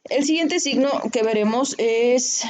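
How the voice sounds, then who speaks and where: A woman's voice: fairly high pitch, a little slow, darkish tone. A woman teaching a writing class, explaining patiently and often checking in with her students. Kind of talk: recorded online class.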